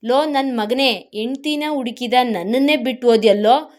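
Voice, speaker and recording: A woman's voice: on the high side, moderate pace, darkish tone, close to an everyday voice. A woman voicing a playful, teasing older mother-in-law in a spoken storybook, affectionate and joking.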